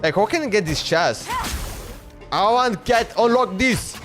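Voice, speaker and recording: A man livestreams a video game over background game music, thinking aloud in casual commentary and often repeating himself as he talks to the game and his chat. His voice sits high, expressive and a bit bright, at a measured pace.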